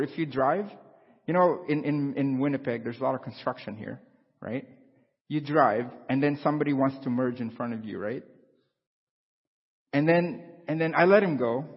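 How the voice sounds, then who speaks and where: A pastor with a slightly high, breathy voice preaches a conversational sermon, putting questions to his congregation. The recording is dull and lo-fi, with long hall reverb.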